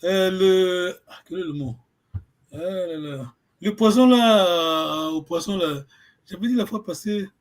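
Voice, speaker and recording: A man from Congo teaching a Kikongo language lesson, talking informally, often pausing and restarting while he searches for words. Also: high-pitched. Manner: halting, searching for words, many fillers and restarts.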